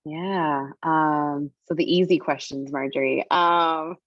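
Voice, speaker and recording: A woman from Venezuela, raised in Miami, speaking as a guest in a relaxed interview, with lots of "um" and "like". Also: deep voice, takes it slowly, dry recording, highs cut off. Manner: relaxed, many "um" and "like" fillers. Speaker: guest, campaign director. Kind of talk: casual interview chat.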